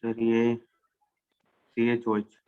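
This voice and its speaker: A man's voice: mid-range voice, monotone, extremely slow, smooth, highs cut off. A male student giving short, hesitant answers to his teacher in class.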